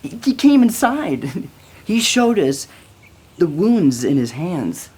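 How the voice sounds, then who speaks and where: Lady as awestruck disciple guy, husky, stammery, earnest, pitch jumps around. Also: sing-song, slow pace, warm tone, full character voice. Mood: awed. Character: earnest, awestruck male disciple interviewed as eyewitness. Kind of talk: comedy sketch interview acting.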